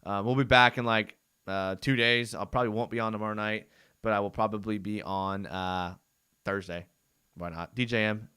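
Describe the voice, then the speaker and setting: A young man with a lowish, smooth voice, steady in tone, pushed and bright, talks at normal speed while hosting a casual live fan show. He rambles in a laid-back way, full of fillers like "dude" and "I mean," and his voice is tired and going hoarse after talking so long on the stream.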